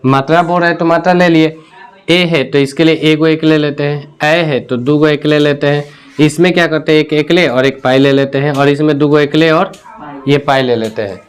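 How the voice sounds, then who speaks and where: A male tutor leads a coaching class, his voice sitting a little high. He explains patiently in an informal way, repeats each definition and keeps checking that his students follow. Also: steady tone, moderate pace, clear, resonant tone. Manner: repeats key definitions, checks in with "theek hai". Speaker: Hindi grammar teacher. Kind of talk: classroom lesson at a board.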